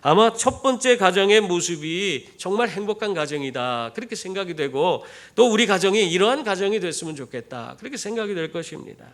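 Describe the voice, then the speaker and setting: A man's voice: sits high, a little fast, hardly any pauses. A man preaching a sermon as pastor, telling stories with rhetorical questions to the congregation. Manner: animated storytelling with rhetorical questions. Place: church.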